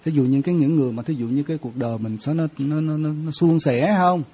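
A Buddhist monk with a fairly high, fast, mellow and slightly rough voice gives a conversational dharma talk, often quizzing his listeners. The recording has a dull, lo-fi sound.

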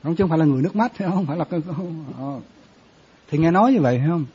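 A man's voice: fairly high pitch, animated, racing, dark tone, breathy edge. A man, a Buddhist monk giving a conversational dharma talk and often quizzing his listeners. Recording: dull lo-fi sound.

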